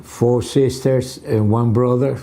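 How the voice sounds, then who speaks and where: An older man from Cuba answering an oral history interview at home in short, halting replies. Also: mid-range voice, fairly even intonation, warm tone.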